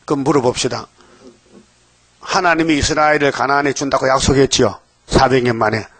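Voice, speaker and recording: A man preaching a dawn sermon, emphatic, often prodding his listeners with quick rhetorical questions. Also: mid-range voice, steady tone, fairly bright tone, dry recording.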